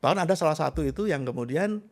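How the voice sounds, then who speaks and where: A man's voice: on the high side, fast talker. A middle-aged man, a coach who is a guest in an interview, telling personal stories expressively and listing points with emphasis. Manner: animated, expressive storyteller, emphatic lists. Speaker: guest, self transformation coach. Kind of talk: conversational interview, personal storytelling.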